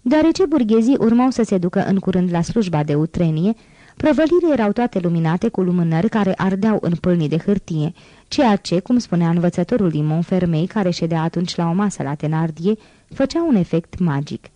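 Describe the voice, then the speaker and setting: A woman reading a classic novel aloud as an audiobook, in a calm, measured storytelling manner. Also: lowish voice, no echo. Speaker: audiobook reader.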